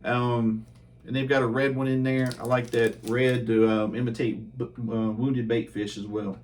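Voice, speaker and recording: A man hosting his fishing channel, casually reviewing baits at home in a relaxed, chatty way with lots of ums and uhs. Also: mid-range voice, normal speed.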